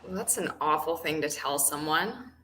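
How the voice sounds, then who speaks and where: A woman's voice: sits low, animated, moderate pace, a little hiss or hum. A woman playing a wry, teasing blind caller. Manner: wry, teasing, gently joking. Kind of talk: stage play performed over video call.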